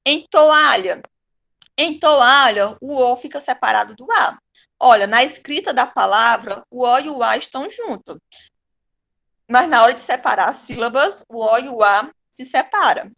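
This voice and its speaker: High-voiced teacher with a Brazilian accent. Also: female voice, lively intonation, gravelly, fairly bright tone. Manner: patient, repeats words slowly to demonstrate syllables. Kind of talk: online Portuguese grammar lesson.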